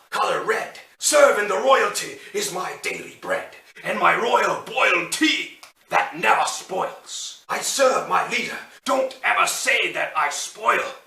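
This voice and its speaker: A devoted, zealous cartoon insect robot impression, acted by a man. The rhymes come in a hard, bright voice with swinging pitch. The recording is echoey. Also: gravelly, heavily acted. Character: fanatically loyal male fire ant robot, royal servant. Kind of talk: theatrical character poem recital. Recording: roomy echo, distant mic.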